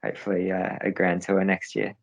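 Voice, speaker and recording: A man's voice: sits low, monotone, brisk, gravelly, dull audio. A young man, a professional cyclist, answering interview questions in a hesitant way, with many fillers and restarts.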